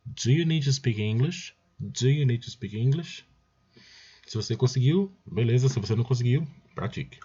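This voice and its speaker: A man's voice: medium pitch, lively intonation, normal speed, dark tone, husky, lo-fi sound. A man with a Brazilian Portuguese accent teaching English, drilling each phrase by repeating it and often calling out to his students. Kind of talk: recorded language lesson.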